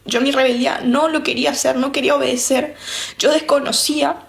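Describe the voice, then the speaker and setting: A woman's voice: high voice, fairly even intonation, quick pace, vocal fry. A young woman from Argentina with an Argentine accent, giving an earnest, reflective personal faith testimony with frequent restarts. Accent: Argentine Spanish. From Misiones, Argentina.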